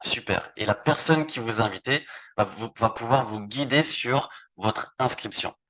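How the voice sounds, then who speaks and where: A man from France hosts a live online presentation at a middling pitch. He talks loosely and often stumbles over repeated words while showing pages on screen. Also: normal speed, fairly bright tone. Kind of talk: live webinar product demo.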